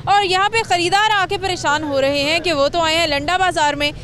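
A young Pakistani woman working as a TV field reporter interviews people on a crowded street market with a handheld microphone. Her very high voice is brisk and a little bright, set against busy crowd noise.

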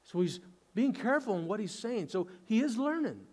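This male pastor is very animated and fairly quick as he preaches in an earnest, conversational manner. He dramatizes the scenes he retells and sinks into a soft low voice as each phrase ends.

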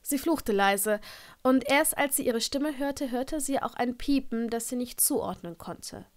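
A woman narrating a fan-fiction audiobook in a calm, even storytelling voice. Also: high-pitched, unhurried. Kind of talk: reading fan fiction aloud.

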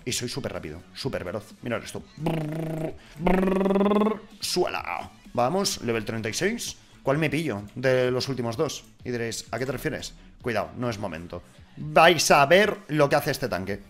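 Excitable young man gaming, shouting. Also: mid-range voice, a little fast, music in the background. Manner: excitable, swings from muttering to shouting, swears a lot. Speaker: gaming YouTuber. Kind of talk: casual gameplay commentary.

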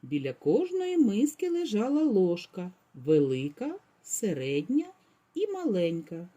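A woman's voice: mid-range voice, warm tone, slightly rough. A woman kindergarten teacher reading a fairy tale aloud with dramatic expression, then quizzing the children on it.

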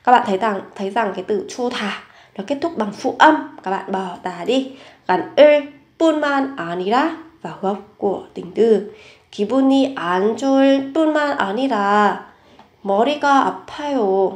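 A woman teaching a grammar lesson, explaining example sentences slowly and carefully and reading model sentences aloud more quickly. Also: mid-range voice, expressive, roomy sound. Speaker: Korean language teacher.

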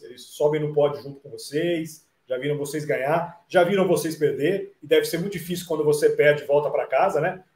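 Host guy, kinda high voice, long rambly questions with lots of né, echoey room. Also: a little mellow. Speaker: interview host. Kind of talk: casual live interview. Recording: roomy echo.

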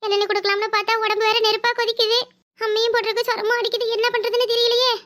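A woman voicing a fussing, caring older village mother-in-law in a cartoon, speaking with a southern Tamil Nadu accent and giving orders fast. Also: very high voice, little pitch movement, pushed and bright. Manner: bossy, fast, scolding yet tender. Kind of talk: cartoon voice acting.

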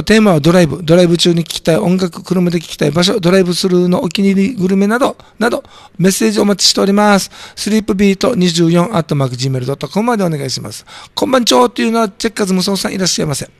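A hoarse man with a throat cold hosting a community radio show, chatting casually and joking while reading listener comments. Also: sits high, racing, dry recording. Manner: chatty, jokey, reacts to comments aloud. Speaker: radio host.

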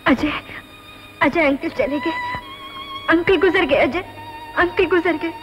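A woman's voice: very high-pitched, unhurried, over music. An actress playing a helpless, grieving young woman, pleading tearfully on an old telephone call in a film drama. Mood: grief-stricken.

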